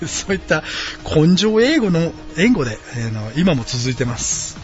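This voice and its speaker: A podcast host from Osaka, Japan, in his late thirties, chats on his own solo show in a friendly, rambling way, with many hesitant fillers. His voice is a little high with big pitch swings and a measured pace. The recording sounds dull and lo-fi, with quiet background music.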